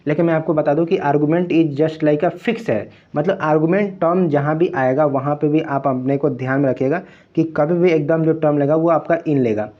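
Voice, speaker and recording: A young male tutor with a fairly high voice walks through exam answers one at a time. He repeats key phrases and slips English words into his Hindi. The audio is dull and lo-fi, like a home-recorded online class. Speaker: exam prep teacher. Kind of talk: explaining quiz answers.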